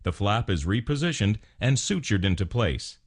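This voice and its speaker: A male narrator with a fairly low voice reads a scripted instructional piece. His delivery is formal and measured, yet the pitch moves in a lively way across each sentence. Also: husky. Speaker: narrator of dental explainer videos.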